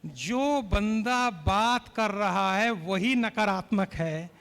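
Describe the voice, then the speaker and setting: A man's voice: high voice, very slow, gravelly, fairly bright tone. A male keynote speaker telling anecdotes and urging the audience to respond. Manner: storytelling, prompts the audience to respond. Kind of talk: motivational speech. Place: convention hall. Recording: hall reverb.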